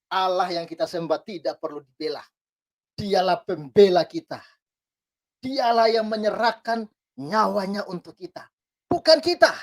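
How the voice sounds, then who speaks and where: A woman's voice: medium pitch, normal speed, pauses often. A woman, reading out news and online comments and adding wry, preacher-like remarks, often asking for agreement. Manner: reads text aloud then adds wry remarks, often asks "ya kan?". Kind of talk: casual spoken commentary on a news item.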